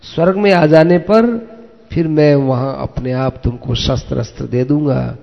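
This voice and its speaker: A commanding god in the guise of a frail ascetic, raising his voice high, as a man puts him on. The tone is gravelly, and the sound is dull and echoey, caught in a long-reverb room. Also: steady tone, moderate pace, natural voice. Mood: fatherly. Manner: loud, commanding, then kindly. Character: proud ascetic who is really the king of gods.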